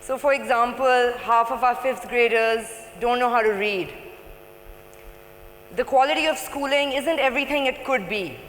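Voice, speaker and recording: A woman's voice: on the high side, a little hiss or hum. A woman in her thirties with a Pakistani accent gives an informal, conversational, self-deprecating convention speech as a non-profit founder. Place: large indoor convention hall, on stage. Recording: echoey hall PA with long reverb.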